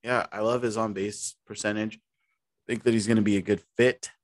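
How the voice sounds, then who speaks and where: Talking baseball as a podcast co-host, a man meanders along in a relaxed manner, often breaking off and restarting his sentences. He speaks at a moderate pace in a lowish voice with fairly even intonation, and there's no room sound.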